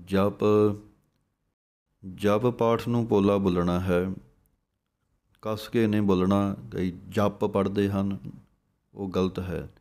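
Male recitation teacher with a Punjabi accent: unhurried, low-pitched, sounds each word out slowly before explaining. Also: flat delivery, darkish tone. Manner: pronounces words slowly syllable by syllable, then explains. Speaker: scripture pronunciation teacher. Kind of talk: slow, careful recitation lesson.

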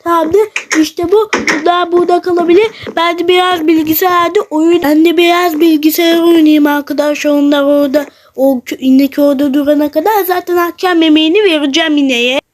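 Very high voice, gaming youtuber, excitable role-play narration, talks to viewers, sudden shouts and wails. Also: brisk.

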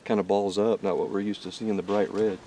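Low-voiced man, casual outdoor hunting vlogger. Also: little pitch movement, fairly quick, distant mic, very noisy. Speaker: hunting show host. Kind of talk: casual hunting vlog to camera. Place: hunting blind and outdoor bushland.

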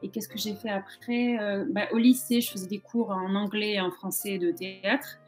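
Young woman, casual interviewee on a video call, medium pitch, music underneath. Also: fairly even intonation, moderate pace. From southern France. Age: young adult. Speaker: interviewed actress. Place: indoor room at home, video call. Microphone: video call microphone.

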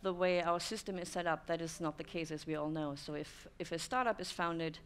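This German speaker, a woman in her thirties, has a lowish, brisk voice with a clean tone. She addresses a conference audience in a dim stone room, reflective in manner and leaning heavily on "um."

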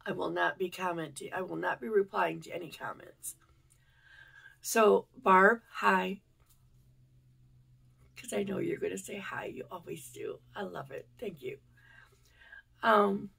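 A woman's voice: mid-range voice, vocal fry, fairly bright tone, husky. A woman chatting casually on her channel, rambling with lots of fillers, stuffy and congested from a cold. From United States. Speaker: yarn channel vlogger. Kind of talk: casual chat to camera.

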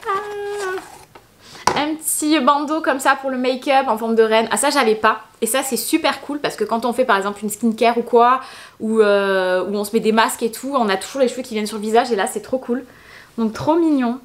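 A woman's voice: fairly high pitch, fairly quick. A young woman from France, chatting casually and enthusiastically as she unboxes beauty products for her vlog. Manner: chatty and enthusiastic, many fillers and little exclamations. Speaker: beauty vlogger.

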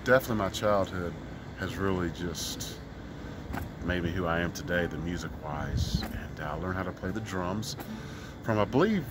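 Middle-aged man from Mississippi, street musician, earnest and rambling; outdoor city park recording with clear street noise. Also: low-pitched, normal speed. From Mississippi, US South. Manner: earnest, rambling, many fillers. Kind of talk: casual street interview.

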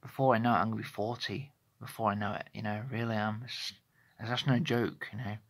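With a fairly low pitch and flat delivery, this thirtysomething vlogger talks fast. He holds his phone close to his face in a small bedroom, rambling hesitantly through a candid personal monologue and restarting often.

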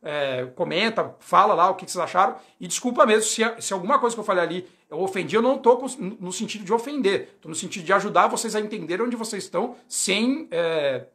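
Fast-talking man on a livestream. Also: high voice. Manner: rapid, animated, rambling, slangy. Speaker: UX designer hosting a livestream. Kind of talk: casual livestream monologue. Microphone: phone.

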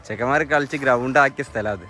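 A man's voice: medium pitch, fast talker, bright, forceful tone, soft background music. A young man with a Malabar Malayalam accent, chatting casually on an outdoor vlog and dropping English words into his Malayalam. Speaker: vlogger. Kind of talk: casual chat with a companion. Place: outdoors on a hilltop.

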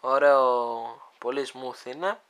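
A speaker with a smooth, clear voice walks viewers through a phone app at a middle pitch. The delivery is halting, full of pauses and restarts while thinking aloud, and addresses the audience like friends. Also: fairly even intonation, fairly bright tone. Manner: hesitant, thinking aloud, many fillers. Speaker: video creator demonstrating a phone app. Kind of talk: casual screen demo walkthrough.

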